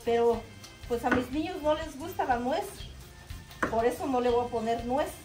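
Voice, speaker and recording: A woman's voice: high-pitched, normal speed, music in the background. A middle-aged woman hosting a casual home cooking video, explaining each step to viewers in a homely way. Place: outdoor covered backyard kitchen.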